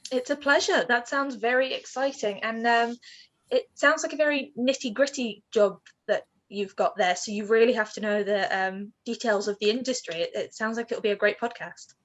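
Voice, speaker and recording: A woman's voice: fairly high pitch, moderate pace. A woman hosting a podcast in an upbeat, polite way, with some "um" fillers as she phrases questions. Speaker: podcast host.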